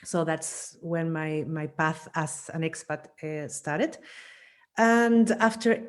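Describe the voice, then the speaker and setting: A woman's voice: low-pitched, slow. Chatty woman. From Chile. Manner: chatty, repeats words and corrects herself. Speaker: guest, psychologist and coach. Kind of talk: podcast interview.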